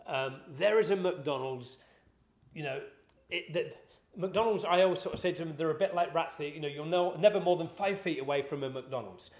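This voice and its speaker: A man's voice: on the high side, normal speed. A man talks business casually, his slightly raised voice wandering through fillers and restarts. The room adds a noticeable echo around him. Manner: rambling, conversational, many fillers and restarts. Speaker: business podcast host. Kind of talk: casual explanatory chat.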